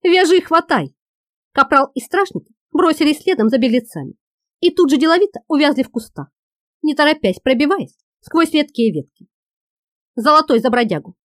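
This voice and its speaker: A woman narrating an audiobook in a lively, expressive reading. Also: sits high, a little fast, no room sound, studio quality.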